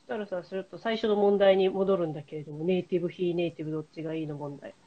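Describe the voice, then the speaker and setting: A woman's voice: on the low side, fairly even intonation, racing. A woman hosting a podcast in casual chat, talking loosely with many fillers and steering the questions. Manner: chatty, lots of fillers, leading the questions. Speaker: podcast host. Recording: slightly dull lo-fi remote link.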